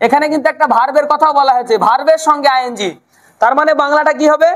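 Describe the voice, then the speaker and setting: A woman teaching English to Bengali speakers with a Bengali accent, asking questions and repeating the answers slowly. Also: sits high. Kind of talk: spoken English lesson with drills.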